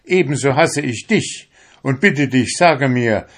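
A man's voice: medium pitch, lively intonation, takes it slowly, a bit bright, voice pushed up. A man voicing an anguished, defiant young fisherman in a storybook reading, crying out and accusing. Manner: cries out, pleading and accusing.

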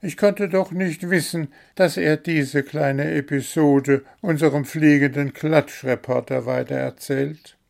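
Man voicing a tiny anxious bird, high pitched, flustered and pleading, gravelly edge, storybook. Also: steady tone, unhurried, hardly any pauses, a little mellow. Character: small fretful male bird, chirpy and anxious.

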